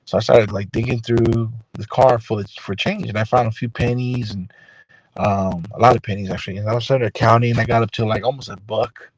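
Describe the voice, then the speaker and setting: Husky low-voiced man telling a story. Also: fairly even intonation, no room sound, low-quality recording. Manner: rambling, unhurried, lots of fillers and restarts. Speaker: streamer telling a personal story. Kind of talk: casual storytelling live stream.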